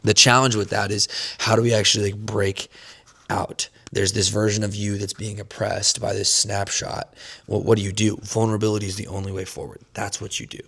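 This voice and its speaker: A young man vlogging about emotional growth, talking fast and earnestly in rambling, repeated phrases, caffeinated and fasting. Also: lowish voice, level tone, creaky, a bit bright, husky. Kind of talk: unscripted talk to camera.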